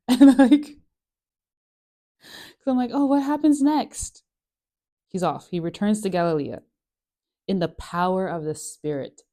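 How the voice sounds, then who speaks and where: Chatty woman, mellow and low. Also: very animated, takes it slowly, long pauses. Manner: chatty, rambling, laughs often, many fillers. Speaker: host of a Bible study channel. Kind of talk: casual chat.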